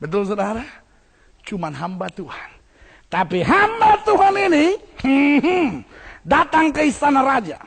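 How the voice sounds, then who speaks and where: A male pastor preaching an animated sermon, calling out to the congregation. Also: extremely high pitch, measured pace.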